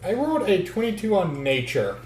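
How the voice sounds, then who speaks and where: A man's voice: high voice, big pitch swings, a little fast, echoey room, noisy background. A man playing a tabletop game who jokes and teases the others. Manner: joking, teasing. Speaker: player. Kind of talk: casual tabletop game chat.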